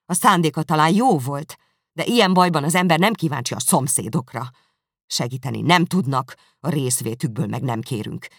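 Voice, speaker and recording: A narrator voicing Elizabeth, a lively and outspoken young woman, in an audiobook with a slightly gravelly, dry-sounding voice. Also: mid-range voice, dry recording. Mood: indignant.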